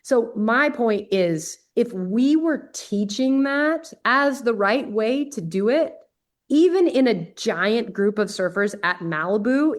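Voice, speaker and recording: Chatty woman telling a surf story. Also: fairly high pitch. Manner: chatty, candid, peppered with "like". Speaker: podcast guest. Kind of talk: casual storytelling in conversation.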